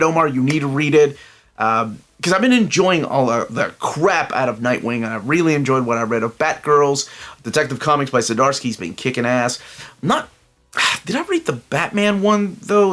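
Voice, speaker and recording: A middle-aged Peruvian man runs a comic book collector channel and talks through a casual solo review vlog. His voice is fairly high and a bit bright, with lively intonation at a normal speed. He's chatty and enthusiastic, drifting into filler-heavy asides.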